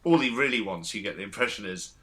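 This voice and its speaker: A man's voice: fairly low pitch, expressive, fast talker, bright, forceful tone. A man working as game master, narrating in a casual, colloquial, loosely improvised way.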